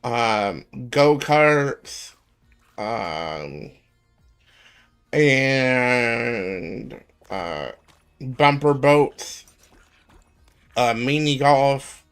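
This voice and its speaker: A man in his twenties talks slowly through a casual live stream, drifting between thoughts with frequent ums. His voice has a gravelly edge. Faint music plays behind him. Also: mid-range voice, lively intonation, a bit bright. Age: 20s. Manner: rambling, many ums and pauses.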